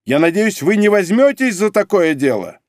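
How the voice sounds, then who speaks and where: Man doing a shrill jealous old professor. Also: sing-song, normal speed, darkish tone, no echo, clean studio sound. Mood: agitated. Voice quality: squealing, high-strung. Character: shrill jealous older male German professor. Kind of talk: audiobook character reading.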